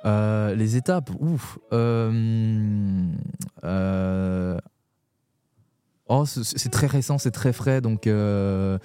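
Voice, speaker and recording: Hesitant young man with mellow voice. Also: on the low side, clear, resonant tone, faint music behind. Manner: hesitant, full of pauses and restarts, frank and heartfelt. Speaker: poet guest. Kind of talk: casual podcast conversation.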